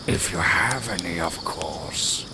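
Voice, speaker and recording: Taking his time in a low-pitched, full character voice, a man portrays an arrogant, mocking lone werewolf who speaks down to the listener in formal, theatrical phrasing. The recording is very noisy, with outdoor forest sounds and crickets clearly heard at night.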